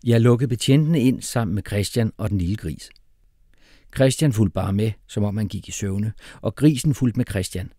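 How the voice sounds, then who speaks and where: A man reading an audiobook with expressive, animated storytelling. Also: on the low side, dry recording, studio quality. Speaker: audiobook narrator.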